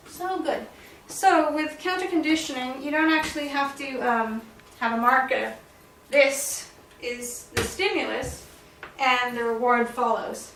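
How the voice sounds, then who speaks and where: Woman dog trainer, bright and high, recorded roomy from a distance in a house. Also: vocal fry, noisy background. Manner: calm explaining, soft praise to the dog. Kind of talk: instructional demonstration. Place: indoors in a house.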